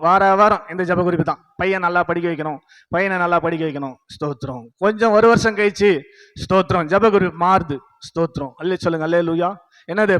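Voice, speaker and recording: A man's voice: sits high, fairly bright tone, in a large hall. A man preaching a sermon as pastor, scolding his congregation with rhetorical questions and calling on them to say hallelujah. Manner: repeats "praise the Lord" and calls the congregation to say hallelujah.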